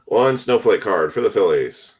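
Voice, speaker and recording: Casting: tired man, very low voice, relaxed card-break host listing player names. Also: normal speed, slightly rough. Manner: relaxed, rattles off player names as he opens packs. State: tired, yawning. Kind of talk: casual live card-break commentary.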